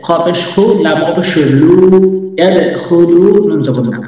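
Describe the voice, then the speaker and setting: A man gives a patient tajweed lesson in a slightly high voice, spelling out letters and syllables slowly, one by one. He sounds far from the microphone in a very echoey room. The recording is dull and lo-fi. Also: warm tone. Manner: breaks into slow melodic chanted recitation. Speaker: Quran recitation teacher.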